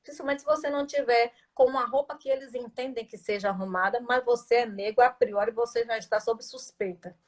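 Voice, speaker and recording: A woman's voice: fairly high pitch, steady tone, fairly quick, hardly any pauses. A woman teacher, explaining in a conversational interview and stressing points with rhetorical and tag questions.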